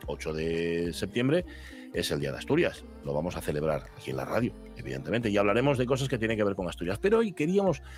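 A male radio host with a lowish voice and an easy, relaxed delivery. He hesitates often with soft fillers and speaks in a casual studio chat. Faint music plays under him. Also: quick pace.

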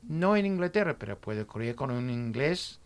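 A man in his sixties, an English native with an accent in Spanish, chatting as a radio guest in a halting way, often checking with "¿bien?". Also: mid-range voice, big pitch swings. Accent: English speaker in Spanish. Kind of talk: casual radio chat.

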